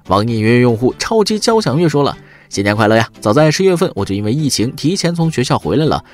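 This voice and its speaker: Wildly animated wry male host. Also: mid-range voice. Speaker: podcast host. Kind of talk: comedic news commentary.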